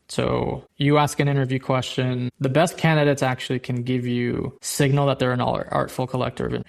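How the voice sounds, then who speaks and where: A man hosting a solo business podcast, his voice gravelly and a little creaky. He talks things through conversationally, working in examples and restarting a phrase now and then, at an ordinary pitch. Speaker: podcast host.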